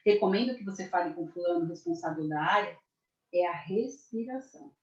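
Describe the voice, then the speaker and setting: A woman's voice: fairly low pitch, lively intonation, a little fast. A woman with a Brazilian accent, a career mentor giving a corporate training talk, speaking to the audience directly and acting out example phrases. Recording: echoey, dull lo-fi sound.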